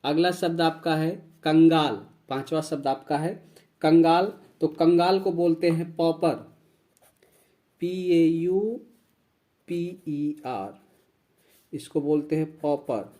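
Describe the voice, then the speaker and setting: Slow man teaching vocabulary. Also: on the high side, fairly even intonation, dark tone. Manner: slow, repeats each word and spells it out. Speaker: English teacher. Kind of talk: vocabulary lesson.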